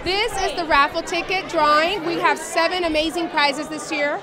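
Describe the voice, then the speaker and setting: Female event organizer, 30s, high voice, informal interview explanation, busy room behind. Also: fairly even intonation, normal speed. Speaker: school fundraiser organizer. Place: hotel event space. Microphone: handheld interview microphone. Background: crowd chatter.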